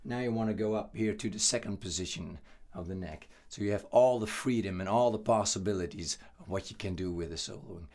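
A man from the Netherlands with a hoarse, worn voice, giving a loose, chatty guitar lesson full of fillers. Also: lowish voice, a little fast, darkish tone. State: hoarse, losing his voice. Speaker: guitar teacher. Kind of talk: casual video lesson.

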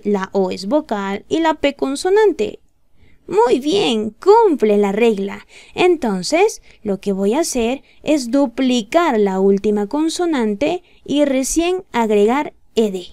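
A woman's voice: fairly high pitch, a little mellow, dry recording, studio quality. A woman teaching English grammar to beginners, explaining each rule patiently step by step and asking checking questions as she goes.

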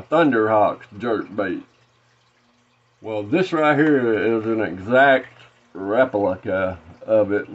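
A man in his thirties from Arkansas, USA, with a Southern accent hosts a fishing channel, doing a casual fishing-lure unboxing vlog from a small room full of tackle. He rambles, with many "uh" fillers and restarts. His pitch is fairly low, and the audio sounds dull.

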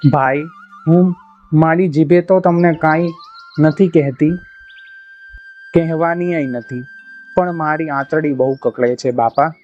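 A poor old woman bard, humble and imploring, as a male narrator puts her on, her voice pitched a little high. The recording is slightly muffled, with soft music underneath. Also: measured pace, pauses often, lightly acted. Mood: sorrowful. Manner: pleading, imploring.

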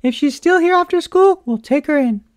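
A man voicing a warm, gentle mother in a children's storybook, speaking softly and kindly. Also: extremely high pitch, expressive, normal speed, no echo, studio quality, voice pushed up.

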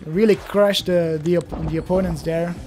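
A young Belgian adult, a native Dutch speaker with a Belgian Dutch accent, chats casually while opening card packs, the commentary hesitant and full of restarts. The voice is mid-range and darkish, with fairly even intonation and a moderate pace. Soft music plays in the background.

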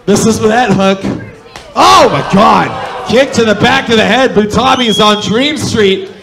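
A man doing excitable, profane live wrestling play-by-play commentary. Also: high-pitched, a little slow, vocal fry, slight background noise. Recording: loud crowd and music at a live venue.

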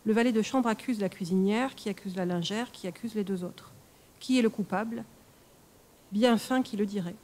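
A woman reading a first-person horror story aloud in a measured, expressive storytelling manner for a live stream. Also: medium pitch. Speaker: reader.

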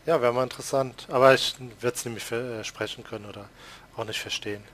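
Fast and fairly even in intonation, a let's play host with a Palatinate German accent banters through a farming game, frequently laughing and joking at his own expense. His mid-range voice has a slightly bright tone, and he comes from the Palatinate region of Germany.

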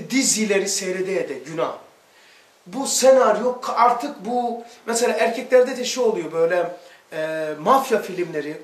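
Male religious teacher, high voice, animated storyteller, recorded from a distance in an echoey room. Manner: animated, acts out dialogue in quotes. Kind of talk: lively storytelling lesson.

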